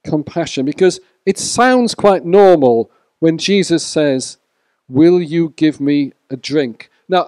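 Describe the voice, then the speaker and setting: A man preaching a sermon to a church congregation in a measured way, sometimes speaking to people in the room. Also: fairly high pitch, darkish tone, no echo. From Wales.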